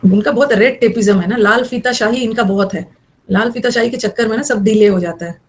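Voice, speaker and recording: A woman's voice: a little high, a little fast, rough recording. A young woman teaching an online English grammar class, mixing explanation with chatty scolding asides to her students.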